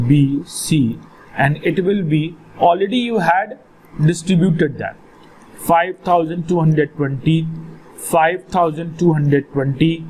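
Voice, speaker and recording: A man's voice: fairly high pitch, a little mellow. A man with a North Indian accent teaching accountancy, repeating phrases and putting questions to his student with Hindi words mixed in. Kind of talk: instructional lesson with call-and-response questions. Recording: clearly noisy background.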